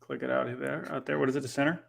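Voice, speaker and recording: A man co-hosting a casual talk show, laughing often and talking in a brisk, playful way. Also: mid-range voice, steady tone, vocal fry. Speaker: co-host. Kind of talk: casual chat.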